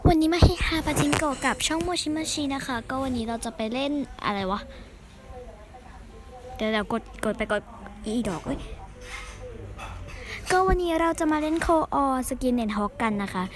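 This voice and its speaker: A woman's voice: sits high, lively intonation, normal speed, long pauses. A young woman hosting her gaming channel, chatting and swearing freely as she comments on the game she is playing at home. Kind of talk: casual live gameplay commentary. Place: room at home with a fan running.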